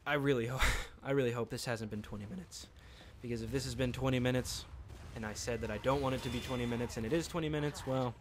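A man's voice: medium pitch, steady tone, fast talker, few pauses, background noise. A man giving casual let's-play commentary, rambling and joking to himself while he plays. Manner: rambling, joking, talks to himself mid-game. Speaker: gameplay commentator.

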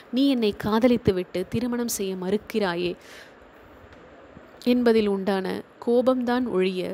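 Brief: a woman voicing a guilt-ridden young man in an audiobook, soft and begging. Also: medium pitch, slight background noise, close to an everyday voice. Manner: pleading, pained. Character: remorseful young man pleading for forgiveness.

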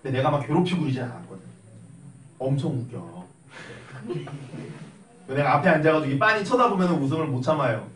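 A young man teaching math in a classroom, telling an animated story and acting out the voices. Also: on the high side, brisk, long pauses, slight background noise. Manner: animated, acts out voices while telling stories. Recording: echoey room, mic at a distance.

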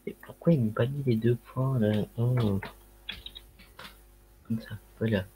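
A man's voice: mid-range voice, steady tone, takes it slowly, dark tone, a little hiss or hum. A man with a Ch'ti accent chatting casually on a livestream through a headset mic, rambling with lots of fillers and slang. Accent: Ch'ti (northern French). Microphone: headset microphone.

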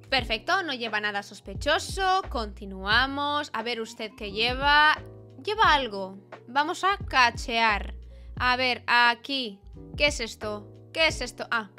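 A gaming YouTuber in her young adult years speaks in a somewhat high, pushed and bright voice, close to a studio mic on an arm. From her small purple-lit bedroom, she keeps up playful, chatty commentary while playing, voicing the on-screen lines as they appear.

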